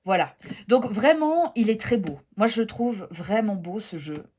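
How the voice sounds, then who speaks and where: A woman's voice: medium pitch, expressive, unhurried, darkish tone, husky. A woman chatting casually as she shows tarot and oracle decks, gushing and self-deprecating, with many fillers and restarts. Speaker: tarot and oracle deck reviewer. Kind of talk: casual show-and-tell chat.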